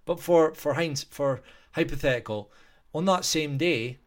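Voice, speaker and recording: A man from Scotland, with a Scottish accent and a slightly high voice, talks casually to his viewers at a measured pace. His speech rambles, full of restarts and fillers.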